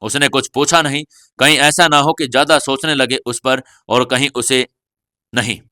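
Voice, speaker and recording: A man narrating a serialized audio novel in a steady storytelling manner. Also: mid-range voice, moderate pace, no room sound, clean studio sound. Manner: steady storytelling, voicing every character.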